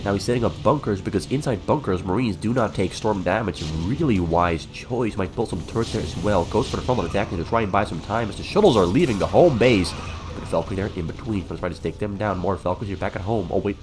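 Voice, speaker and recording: A man's voice: lowish voice, fast talker, over music. A man with a stuffy, flu-ridden nose commentating a game as an esports caster, calling the play in short clipped phrases.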